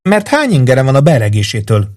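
A man voicing a cold, flat-voiced mother. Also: mid-range voice, pitched above the performer's own voice. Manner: flat, toneless delivery.

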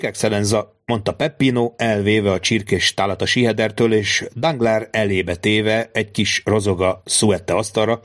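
Guy reading an audiobook, lowish voice, steady measured pace, storytelling. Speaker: audiobook narrator. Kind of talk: scripted literary narration.

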